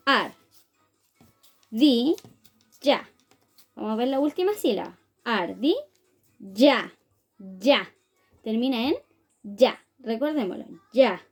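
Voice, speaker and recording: A preschool teacher with a highish, husky voice and a darkish tone takes small children through a phonics lesson. She sounds out words syllable by syllable and praises them often.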